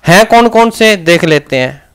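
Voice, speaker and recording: A man's voice: sits high, animated, moderate pace, fairly bright tone, smooth. A man with a Rajasthani Hindi accent teaching a grammar lesson, often asking questions and answering them himself.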